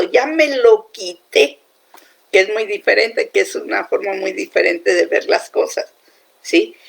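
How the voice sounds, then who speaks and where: A woman's voice: medium pitch, vocal fry. A woman giving an informal devotional talk, speaking conversationally and often checking in with the listener.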